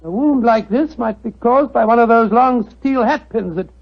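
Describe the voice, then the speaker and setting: An actor playing a genial, bumbling older English gentleman doctor with a gravelly, husky, blustery voice, in 1940s radio style. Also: very high voice, normal speed, exaggerated voice. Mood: musing. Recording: dull 1940s radio recording.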